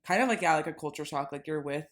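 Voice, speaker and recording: Low-voiced woman chatting casually. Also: fast talker. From Los Angeles. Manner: rambling, heavy use of "like". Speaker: podcast co-host. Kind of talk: casual chat.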